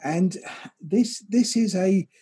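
A man's voice: high voice, takes it slowly, warm tone, slightly rough. A man hosting a comedic podcast with friends, slipping into a mock radio-presenter delivery, often stumbling and repeating words. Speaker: podcast host.

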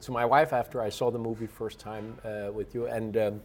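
A man's voice: on the low side, level tone, normal speed, a little hiss or hum. A man hosting an interview over lunch, hesitant, with many uhs and repeated words. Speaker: podcast host.

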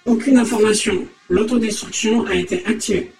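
A man voicing a calm ship computer that announces alerts in a flat, repeating way. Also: high voice, moderate pace, gravelly, pitched above the performer's own voice. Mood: calm announcing. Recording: echoey with faint music.

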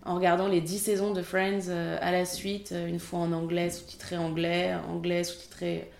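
A woman's voice: fairly low pitch, completely flat delivery, normal speed, vocal fry, roomy sound. A French woman in her thirties, a film assistant director, chatting candidly in an interview with many fillers. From France. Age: 30s. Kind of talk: casual interview.

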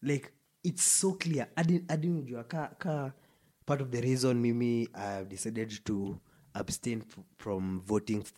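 Casting: Kenyan male podcast co-host, husky voice, opinionated and emphatic, code-switching into Swahili slang. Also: medium pitch, fairly even intonation, normal speed, mellow. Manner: emphatic, stop-start delivery with repetition. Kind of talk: casual opinionated discussion, mixing English and Swahili slang.

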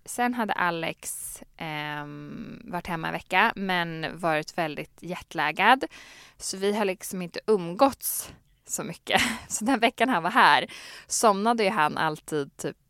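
A young pregnant woman co-hosting a casual podcast, telling stories with animated, acted-out quotes. Her voice is smooth and clear. The sound is dry and close, with no room echo. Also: on the low side. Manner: animated storytelling, laughs often, acts out quotes. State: heavily pregnant. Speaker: podcast co-host. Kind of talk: casual chat.

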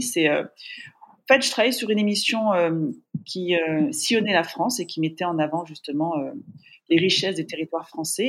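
A woman who grew up in francophone Africa, talking warmly and reflectively as a guest in a remote interview. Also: on the low side, husky. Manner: warm, reflective, thinks aloud. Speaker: podcast guest, TV presenter.

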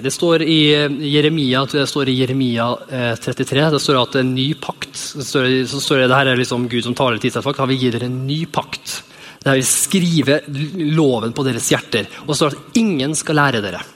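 A man's voice: a little high, fairly bright tone, in a large hall. A man in his thirties preaching a sermon in a conversational, joking way, with many fillers and restarts.

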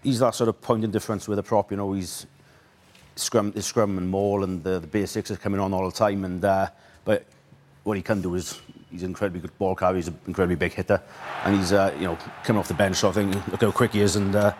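A man from Wales, a studio guest, answering haltingly with many fillers. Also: low-pitched, fairly even intonation, darkish tone, a little hiss or hum. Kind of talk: casual interview answers.

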